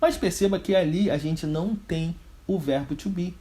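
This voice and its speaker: A man's voice: high-pitched, normal speed, warm tone. A man with a Brazilian Portuguese accent teaching an English grammar lesson step by step, asking questions and answering them himself. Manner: didactic, step by step.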